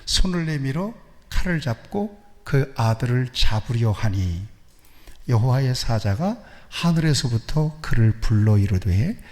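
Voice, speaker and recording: A male pastor giving an earnest sermon, questioning the congregation and slowing down when he reads scripture. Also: medium pitch, big pitch swings, darkish tone. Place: church sanctuary. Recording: long reverb of a church hall.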